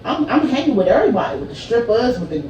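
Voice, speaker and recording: A woman's voice: on the high side, sing-song, quick pace, a little mellow. A middle-aged woman, speaking assertively and emphatically in a casual panel talk. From southern United States, rural. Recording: echoey room, distant mic, clear noise.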